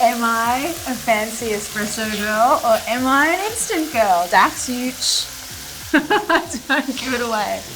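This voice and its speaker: A woman's voice: on the high side, measured pace, hardly any pauses, background noise. A woman hosting a casual cooking demonstration in a kitchen, chatty and playful, laughing at herself as she talks. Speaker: cooking show host.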